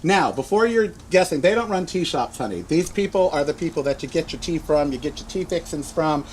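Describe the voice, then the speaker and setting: Animated, campy older male host. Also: a little high, fairly quick, a little hiss or hum, rough recording. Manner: playful, campy joking with guests. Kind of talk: casual talk show chat.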